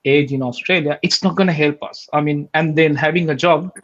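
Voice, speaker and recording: A man's voice: on the high side, steady tone, a little fast, dull audio. A man in his forties, from Sri Lanka, the guest in a casual online interview, talking steadily and earnestly with many ums and restarts.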